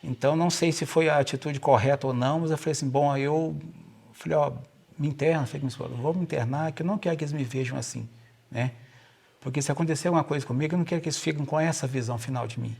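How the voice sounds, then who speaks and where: Middle-aged man, Minas Gerais accent, earnest interview guest, fairly high, husky and gravelly. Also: racing, a little mellow. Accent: Minas Gerais Brazilian Portuguese. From Brazil. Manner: earnest storytelling, repeats himself and restarts. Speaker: guest, nurse. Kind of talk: casual personal account.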